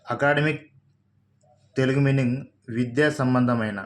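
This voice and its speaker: A man's voice: medium pitch, steady tone. A man with a Telugu accent teaching English vocabulary, reading out each word, spelling it letter by letter and giving its meanings. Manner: spells words out letter by letter, slowly. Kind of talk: slow vocabulary lesson.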